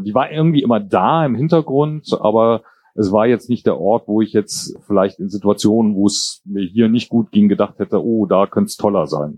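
With a warm, lowish voice and no room sound, a man in his fifties muses hesitantly in a relaxed interview. He's a writer and political columnist born in Jordan who grew up bilingual in German and English across England and Germany.

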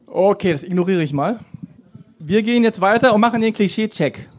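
Playful high-voiced male podcast host. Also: lively intonation, a little fast. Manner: casual, playful teasing. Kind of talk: live podcast interview. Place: outdoor festival stage.

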